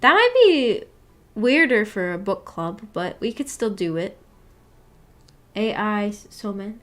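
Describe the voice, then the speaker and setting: She's very animated yet speaks slowly, her voice mid-range, as she hosts a visual novel book club livestream. Reading out viewer comments, she giggles, rambles and puts herself down playfully in casual chat.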